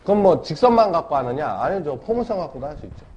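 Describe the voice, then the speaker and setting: A fast-talking man with a slightly high, darkish, sing-song voice runs a casual math class. He constantly checks in with students using tag questions while explaining. Audio is dull and lo-fi, recorded in a classroom with faint noise.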